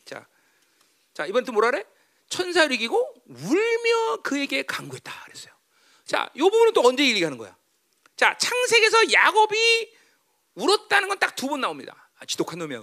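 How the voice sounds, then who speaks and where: A pastor preaching a sermon, swinging from quiet, chatty asides to loud, tearful preaching, and often asking his listeners whether they agree. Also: sits high. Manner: keeps asking the listeners "right?". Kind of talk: sermon with banter to the congregation.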